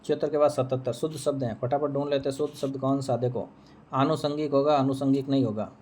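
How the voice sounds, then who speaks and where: A man's voice: mid-range voice, fairly even intonation, fast talker, darkish tone. A man teaching Hindi, walking through an exam answer key, who repeats each answer and asks and answers his own questions.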